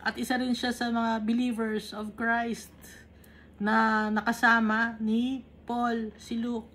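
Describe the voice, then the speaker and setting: A woman's voice: on the high side, level tone, slow pace, a bit bright, slight background noise. A woman from the Philippines leading a Bible study. She reads English verses and then explains them in casual, conversational Tagalog, often checking in with little tag questions. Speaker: Bible teacher.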